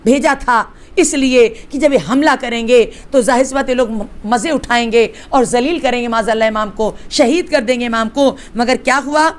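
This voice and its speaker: High-voiced woman giving an impassioned sermon. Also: hardly any pauses. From Hyderabad, India. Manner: impassioned, swings between hushed and rising exclamations; addresses listeners directly with rhetorical questions. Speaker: religious scholar. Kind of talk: religious majlis sermon, storytelling.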